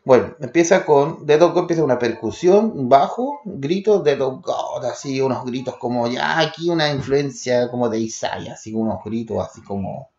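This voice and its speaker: A man's voice: mid-range voice, lively intonation, normal speed, hardly any pauses, a little mellow, roomy sound, lo-fi sound. A man from Chile reviewing old metal demos, calling out riffs and drums in short word lists. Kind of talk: spoken demo review over music.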